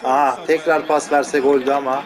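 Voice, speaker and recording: Loud game crowd noise sits under a man commentating on his own football video game match. His mid-range voice stays level at a moderate pace as he jokes casually and grumbles at his players.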